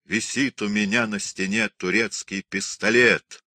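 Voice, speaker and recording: Proud cossack guy, stern and bossy, narrator voicing him, deep and bright, dry. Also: lively intonation, takes it slowly, dry recording, exaggerated voice. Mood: defiant. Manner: stern, commanding. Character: proud hot-tempered young Cossack husband.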